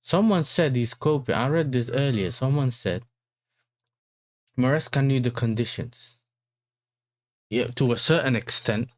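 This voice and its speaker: A man's voice: medium pitch, lively intonation, measured pace, long pauses, dry recording. A man with an urban London roadman accent, hosting a casual football livestream in slangy talk full of tag questions. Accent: London, urban street style.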